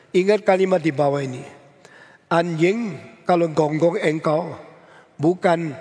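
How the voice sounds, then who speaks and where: An older male pastor preaching a sermon, emphatic, with sharp rises on key words and phrases in English. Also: fairly high pitch. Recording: long church hall reverb.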